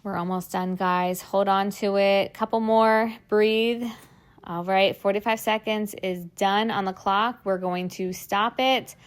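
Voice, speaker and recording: A woman's voice: medium pitch, fairly even intonation, a little slow, smooth. A young woman leading a workout class, encouraging and cueing the moves while she exercises along, strained from the effort. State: strained, working out while talking. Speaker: fitness instructor.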